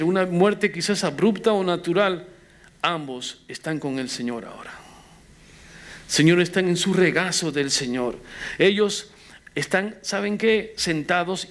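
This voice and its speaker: A man delivering a church sermon in a slightly high voice. He fires questions straight at the congregation, his delivery rising and dropping as he presses each point with earnest emphasis. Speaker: preacher. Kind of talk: Spanish-language sermon.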